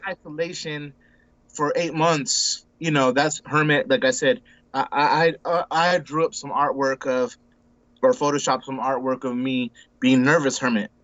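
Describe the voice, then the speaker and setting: With a medium pitch, fairly even intonation, and a fairly bright tone, this man in his forties speaks at normal speed on a dry recording whose highs are cut off. Casual and laid-back as an interview guest, he rambles, restarts, repeats words, and keeps calling people bro and dude.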